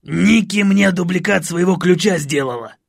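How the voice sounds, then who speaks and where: A man voicing a brash, loud male music producer in an audiobook, pushy and boisterous. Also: high voice, moderate pace, creaky, husky, dry recording, studio quality, heavily acted. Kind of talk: audiobook character voice.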